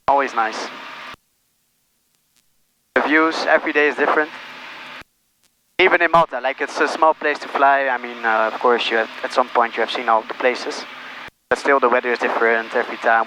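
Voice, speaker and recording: A man's voice: mid-range voice, fairly even intonation, normal speed. A man who is a pilot, giving casual cockpit commentary and radio calls through a headset. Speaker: pilot and vlogger. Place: small aircraft cockpit in flight. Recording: cockpit headset with faint engine noise.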